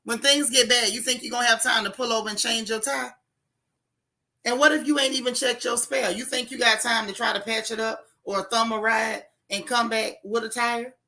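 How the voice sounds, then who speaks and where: Bright, raspy, wheezy-voiced woman streamer. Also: on the high side, steady tone, moderate pace. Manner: emphatic, preachy, repeats phrases for stress. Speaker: livestream host giving news updates. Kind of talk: casual livestream talk, answering viewer comments.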